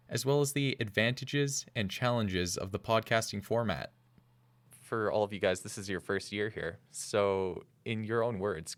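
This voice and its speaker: A male podcast host introducing guests and asking questions in a measured, scripted way. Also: lowish voice, no echo. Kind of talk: scripted narration and interview questions.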